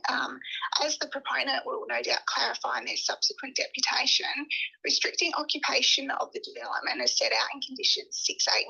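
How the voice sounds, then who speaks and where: A woman's voice: high voice, creaky, pushed and bright, slightly rough. A woman, heard over a phone on speakerphone, giving a formal prepared statement to a meeting as a government officer, reading steadily with frequent uh and um fillers. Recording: muffled phone audio through a room speaker.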